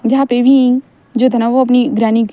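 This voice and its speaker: A woman narrating a fan fiction story in a loose, rambling manner. Her voice is high-pitched, with a mellow, dark-toned warmth. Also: little pitch movement, normal speed. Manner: rambling, with many fillers and restarts.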